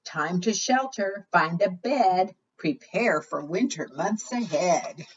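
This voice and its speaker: Reading to preschoolers, a woman with a fairly low, husky voice takes her time, expressive as she reads aloud and asks the little ones questions. The sound is dull and lo-fi.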